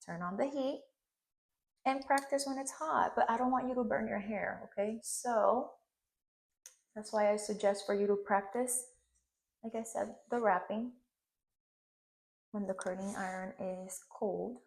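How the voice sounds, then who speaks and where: With a creaky, mid-range voice, a measured pace and long pauses, a thirty-something Puerto Rican woman teaches a hands-on hairstyling tutorial. A Spanish speaker with a Puerto Rican accent, she checks in regularly by asking "okay?".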